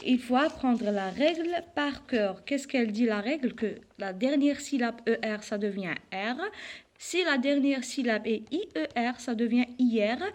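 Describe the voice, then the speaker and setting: Schoolteacher, woman, a bit high-pitched, slow and repetitive, restates each rule with fillers. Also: darkish tone. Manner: slow, careful spelling out of letters and rules; repeats rules with frequent fillers. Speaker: primary school teacher. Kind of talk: French grammar lesson.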